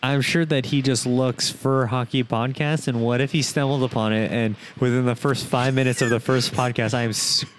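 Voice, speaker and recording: A man co-hosting a casual hockey podcast, teasing in a deadpan way. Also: mid-range voice, moderate pace, hardly any pauses, slight background noise. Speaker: podcast co-host.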